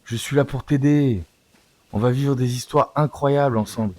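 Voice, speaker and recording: Male let's-play streamer, excitable, coaxes the game aloud as he plays. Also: medium pitch, normal speed, no room sound. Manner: excitable, coaxing, talks to the game. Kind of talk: live gameplay commentary.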